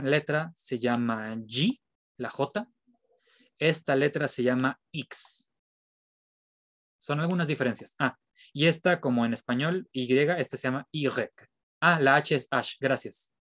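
A man's voice: mid-range voice, a bit bright, dry recording. Patient man teaching, dry sound. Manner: patient, spells out sounds slowly and repeats them. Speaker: French teacher. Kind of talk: online class lecture.

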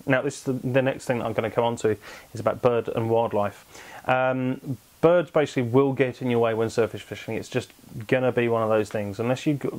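A man in his twenties who hosts an angling channel explains tackle to the camera from a small home office. His voice is medium-pitched and a little mellow, and he uses lots of fillers and self-corrections.

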